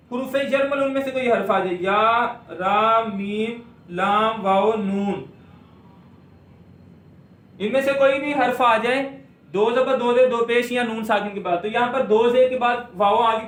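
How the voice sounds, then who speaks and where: A man teaching Quran recitation step by step. He asks his own questions and answers them, and he draws out words slowly to demonstrate them. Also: very high voice, a bit bright, echoey room.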